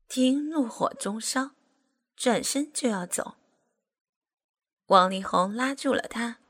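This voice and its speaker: A woman narrating an audiobook with measured, unhurried storytelling. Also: on the high side, animated, a bit bright.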